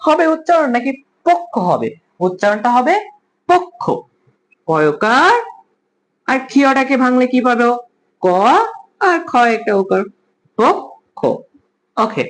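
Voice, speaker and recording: A man teaching a class, who asks his students questions and then repeats each answer slowly. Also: very high voice, a bit bright, slight background noise, low-quality recording. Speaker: language teacher. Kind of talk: online class lesson.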